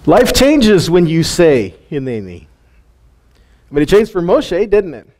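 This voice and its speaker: A man's voice: high-pitched, sing-song, normal speed, darkish tone. A man giving a casual sermon teaching, retelling Bible stories in a folksy, plain-spoken way.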